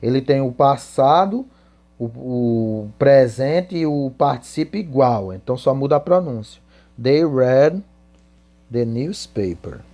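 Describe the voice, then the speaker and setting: In a slow classroom explanation, a man teaches English in Portuguese, spelling out English answers word by word before translating them. His mid-range voice is animated and warm, though the audio sounds dull.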